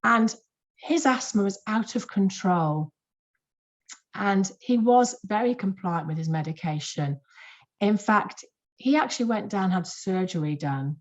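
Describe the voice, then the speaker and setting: A clinician gives a webinar lecture to health professionals, speaking conversationally but with lively emphasis and repeating words for stress. Her mid-range voice moves at an unhurried pace, and the lo-fi audio sounds muffled.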